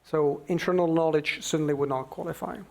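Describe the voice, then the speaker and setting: A man giving an explanatory expert talk, with halting phrasing and emphatic bursts. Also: fairly high pitch, fairly even intonation, creaky, darkish tone. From Slovakia. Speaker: expert speaker.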